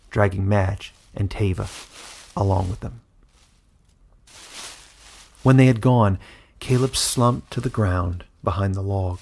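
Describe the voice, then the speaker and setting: A man narrating a fantasy story from a script, in a measured, even storytelling manner. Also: fairly low pitch, gravelly, breathy edge.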